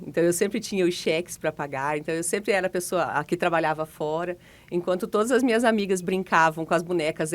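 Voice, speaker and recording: A woman in her forties from Paraná, Brazil, a guest telling her story in a relaxed, chatty way with easy laughs. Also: lowish voice. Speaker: guest, financial consultant. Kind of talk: relaxed interview conversation.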